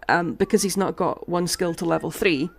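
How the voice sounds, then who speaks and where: Speaking at a moderate pace with a fairly low pitch and some vocal fry, a female game streamer offers casual commentary on her play. She thinks out loud with soft asides, though a lingering cough keeps cutting her voice out.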